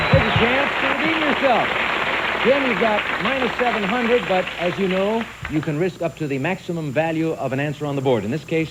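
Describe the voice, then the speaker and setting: Man, game show host, high voice, very lively pitch, brisk and teasing, reading out clues. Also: heavy background noise.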